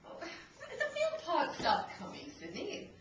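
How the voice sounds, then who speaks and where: A woman's voice: extremely high pitch, wildly swooping pitch, normal speed, heavily acted. A woman playing a vain, needy actress who speaks dramatically, recorded live on a theater stage. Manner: dramatic, wheedling. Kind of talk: live stage comedy acting. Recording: very echoey noisy stage from far off.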